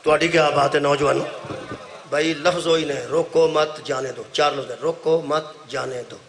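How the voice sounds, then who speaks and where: A middle-aged man with a Punjabi accent delivers a sermon to a gathered audience, his somewhat high voice roughened by a gravelly edge. He tells a story, rising into loud declaiming and dropping into soft asides, repeating lines for emphasis. Faint room ambience sits behind him. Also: a little hiss or hum. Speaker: Shia cleric preaching at a majlis. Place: religious gathering before an audience.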